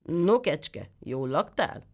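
A woman voicing young sons who answer with cheerful, brisk assurances. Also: deep voice, sing-song, exaggerated voice. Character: young male sons, eager and fibbing.

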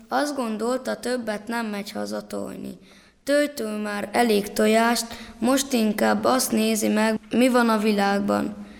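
A woman narrating a children's folk tale in a gentle, rhythmic storytelling manner. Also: fairly high pitch, gravelly. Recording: reverberant room.

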